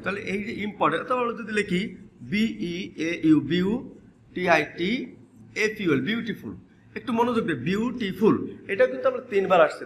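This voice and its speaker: A man's voice: high-pitched, a bit bright, a little hiss or hum. A man teaching an English grammar lesson, spelling out words letter by letter and repeating key terms while talking directly to his students. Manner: addresses students directly, prompting attention. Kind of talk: classroom-style grammar lesson.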